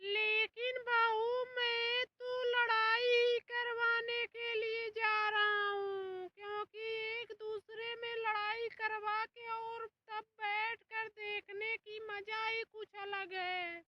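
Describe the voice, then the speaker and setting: A woman's voice: extremely high pitch, level tone, far from the mic, highs cut off. Woman playing a wailing, quarrelsome old mother-in-law. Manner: wailing, drawn-out shouting. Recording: loud background noise.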